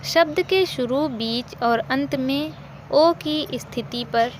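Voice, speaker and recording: A woman with a fairly high voice teaches a language lesson at a very slow, deliberate pace. She repeats each example and poses questions she answers herself. Faint background noise sits under her voice.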